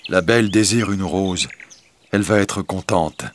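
A man's voice: deep voice, measured pace, slight background noise. A man reading a humble, frightened old merchant. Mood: musing. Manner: pleading, humble. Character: poor frightened old merchant, a loving father.

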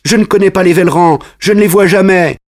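A frightened boy accused of treachery, voiced by a man reading an audiobook. He pleads in a high, wavering whine, crying and trembling, his voice pushed well above a man's usual pitch. The lines come out strained and a little louder than the narration. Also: fast talker. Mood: pleading denial. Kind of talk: audiobook character voice.

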